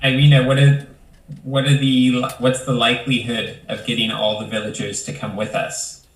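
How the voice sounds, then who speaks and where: A man's voice: medium pitch, little pitch movement, moderate pace. A man playing in a tabletop game, asking questions in a hesitant, inquisitive way. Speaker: player. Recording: roomy distant mic with faint noise.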